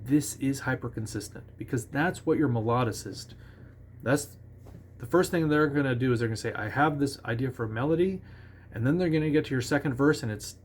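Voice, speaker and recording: A man giving a relaxed, conversational songwriting lesson, talking with restarts and sometimes singing short nonsense syllables as examples. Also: mid-range voice. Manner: self-assured about his own lyric writing. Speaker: songwriting teacher. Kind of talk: casual instructional talk.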